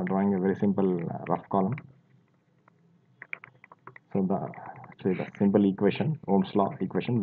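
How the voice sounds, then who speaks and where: A man's voice: lowish voice, slight background noise. A man teaching a physics lesson, explaining step by step as he draws, with fillers and restarts. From India. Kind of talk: classroom lecture while drawing. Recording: tinny phone-like audio.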